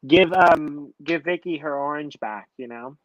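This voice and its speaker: Male co-host, chatty rambler, slightly high voice, dull lo-fi sound. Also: measured pace, no room sound. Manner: rambling, many restarts and fillers. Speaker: podcast co-host. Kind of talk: casual reality-TV review chat.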